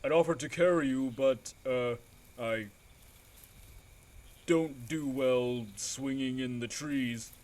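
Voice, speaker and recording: A man's voice: medium pitch, slow, pauses often, darkish tone, lightly acted. A man voicing a timid male gorilla with allergies who apologizes and stammers. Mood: eager. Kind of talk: fan audio drama acting.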